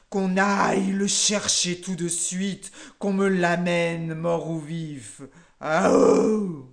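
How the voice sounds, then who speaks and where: A storyteller voicing a furious male lion king who grumbles and commands loudly. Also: on the low side.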